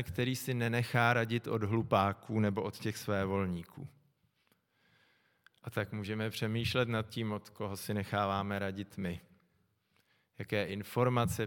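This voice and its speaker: A middle-aged man preaching a sermon, calm and reflective, often pausing to think aloud. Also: on the low side, smooth. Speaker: pastor. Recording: long echo from a large hall.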